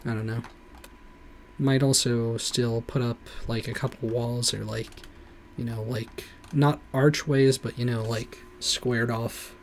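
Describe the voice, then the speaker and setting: A man's voice: medium pitch, steady tone, slow pace, slight background noise. A man streaming a game, rambling casually with lots of "like" and "you know". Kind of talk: casual gameplay commentary.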